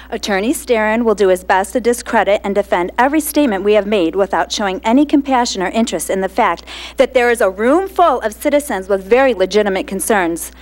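A woman's voice: on the high side, poor audio. Indignant woman at a council podium. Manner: indignant, accusatory, reading from notes. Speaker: resident giving public comment. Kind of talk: prepared public comment speech. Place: city council chamber, large indoor hall. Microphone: podium microphone.

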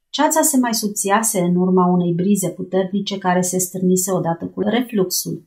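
A woman reading a novel aloud as an audiobook narrator, raising her voice for the sailors' shouts. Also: mid-range voice.

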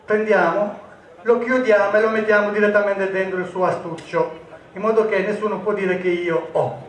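High-voiced joking stage magician man. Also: a bit bright. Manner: jokey, teasing patter with volunteers. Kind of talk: comic magic show patter to a live audience. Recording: echoey, distant stage recording.

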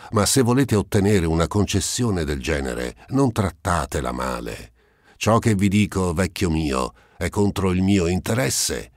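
A man's voice: low voice, dry recording, clean studio sound. A man voicing a middle-aged male notary who is shrewd and persuasive, giving earnest legal advice. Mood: advising.

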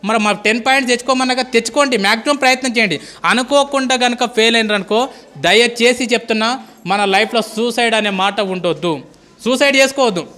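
A male school teacher gives students an impassioned, pleading motivational speech, calling listeners "boss". His voice is extremely high-pitched, bright and forceful, at a quick pace.

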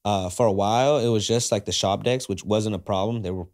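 Lively young man telling stories. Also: fairly low pitch, brisk. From Southern California. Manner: animated, acts out quoted dialogue. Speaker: guest, skateboarder. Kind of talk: casual storytelling. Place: cluttered garage studio, indoors. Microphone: podcast mic on boom arm.

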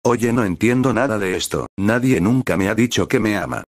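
A confused, matter-of-fact teenage boy ninja, read by a man in a fan story. The voice sits very low and sounds dry and close. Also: animated, fairly quick, no echo. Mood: puzzled.

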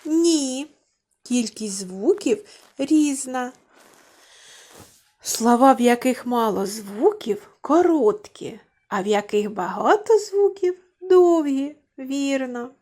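With a high, expressive, mellow voice, a woman who teaches kindergarten takes her time over a slow, clearly articulated lesson. She stretches words into a sing-song lilt and questions the young children.

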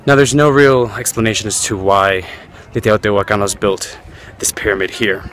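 A travel editor narrating a vlog outdoors at ancient ruins, chatty with many fillers, recording on a handheld camera. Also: male voice, lowish voice, steady tone, moderate pace, fairly bright tone. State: out of breath while climbing. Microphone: handheld camera while climbing. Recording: outdoor crowd noise behind.

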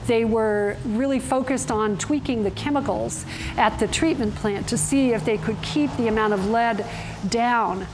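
A middle-aged woman interviewed outdoors as an advocate, explaining in an articulate, steady way. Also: a little high, unhurried, noisy background. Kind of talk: news interview. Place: outdoors by a street.

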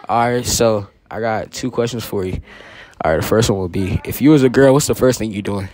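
A teenage male student conducts casual, slangy street-style interviews in high school classrooms and the cafeteria. His voice is lowish, fairly quick and a little mellow, with busy crowd chatter behind him.

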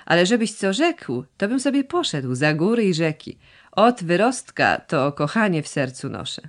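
A woman's voice: lowish voice, sing-song, normal speed. A woman voicing a timid, lovesick young man who stammers and pleads hesitantly, in an audiobook. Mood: pleading.

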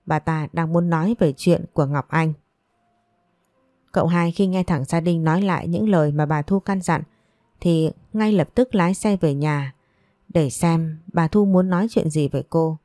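A woman reading a romance story aloud as narrator, in a calm, measured way. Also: deep voice, no echo, studio quality.

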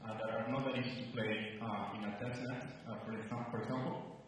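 A man in his thirties from Nicaragua giving a conference presentation into a handheld mic, halting with many fillers. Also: mid-range voice, level tone, a little hiss or hum. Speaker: researcher giving a conference talk. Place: large room at a conference. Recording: roomy hall sound from a distant mic.

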